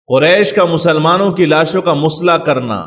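A man reading out the chapter headings of an audiobook in short, formal announcements. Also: on the high side. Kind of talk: announcing section titles.

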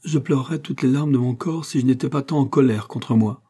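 Storybook lead: male reader playing a haughty, fiery young noblewoman, lifted and emotional, husky edge. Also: mid-range voice, fairly quick, dark tone. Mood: distraught. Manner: heightened, emotional delivery. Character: proud, impulsive young noblewoman.

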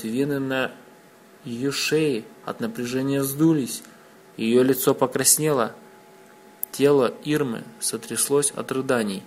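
A man reading a novel aloud as an audiobook narrator, steady and measured. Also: medium pitch, a little hiss or hum.

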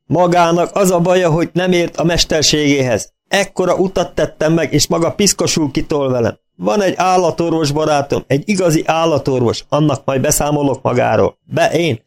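A man's voice: fairly high pitch, lively intonation, creaky, a little mellow, no room sound, pitched above the performer's own voice. A man voicing a desperate moustached dog owner who pleads and then rages, in a storybook reading. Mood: raging.

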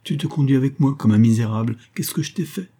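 A man's voice: medium pitch, fast talker, mellow, pitched above the performer's own voice, lightly acted. A man reading a trembling, desperate society woman who pleads with her lover. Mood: pleading. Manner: trembling, imploring, rising to outbursts.

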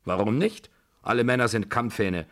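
A deep-voiced man puts on a domineering old grandmother in her seventies, raised higher and louder than his usual low voice. She barks commands and scolds everyone around her in a radio reading. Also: normal speed, natural voice. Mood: commanding. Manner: bossy, scolding, loud and commanding. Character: imperious 75-year-old woman, grandmother, domineering.

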